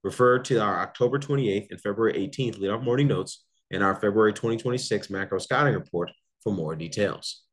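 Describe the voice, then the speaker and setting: Male host, low register, confident and analytical, delivering market commentary and listener Q&A. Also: a little fast. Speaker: host of a macro investing research show.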